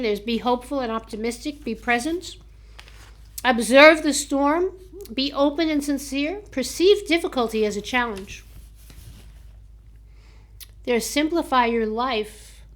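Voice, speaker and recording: An American woman hosting a book show, chatting casually and reading aloud from books and notes, a little hoarse from a slightly sore throat. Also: on the high side, a bit bright. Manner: chatty, laughs at herself, reads aloud haltingly. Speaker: host of a book review show.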